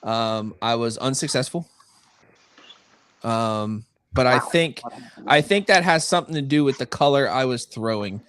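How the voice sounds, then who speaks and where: A man's voice: medium pitch, animated, unhurried, a bit bright, clean tone. A man co-hosting a livestream, chatting casually, laughing easily and often restarting his sentences. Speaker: co-host. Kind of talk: casual chat.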